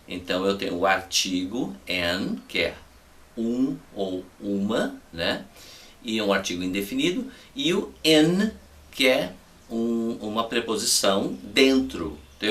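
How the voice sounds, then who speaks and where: A man's voice: on the low side, bright, forceful tone, far from the mic. Man, English teacher, casual lesson tone, repeats and checks understanding, echoey room sound. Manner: patient, repeats examples, frequent "ok?" and "tá?" checks.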